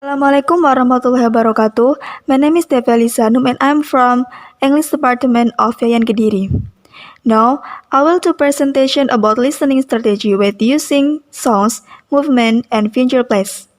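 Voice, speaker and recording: A woman's voice: sits high, brisk. A young woman with an Indonesian accent, steadily reading a student class presentation from a script. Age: young adult.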